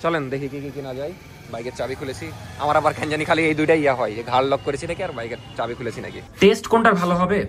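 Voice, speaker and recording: A young man, chatting as he vlogs a birthday surprise, sometimes dropping to a hush. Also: on the high side, lively intonation. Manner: quick chatty, drops to a hush indoors. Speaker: vlogger. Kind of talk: casual vlog narration.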